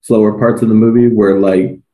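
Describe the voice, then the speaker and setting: Male podcast co-host, mellow and laid-back, roomy echoey recording. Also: on the low side, steady tone, normal speed. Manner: laid-back, rambling with many fillers. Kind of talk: casual movie review chat.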